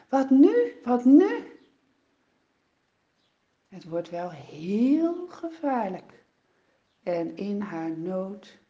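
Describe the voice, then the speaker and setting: A woman tells a children's Bible story slowly and expressively, drawing out exclamations and dramatic pauses. Her pitch sits in a middle range. The recording is dull and lo-fi. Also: mellow.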